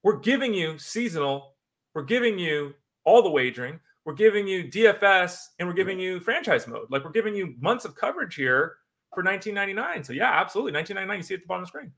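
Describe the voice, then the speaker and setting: A man co-hosting a casual sports talk show, quick and exasperated, rattling off names. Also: sits high, very animated, creaky, fairly bright tone. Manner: quick, exasperated, rapid-fire lists. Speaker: podcast co-host.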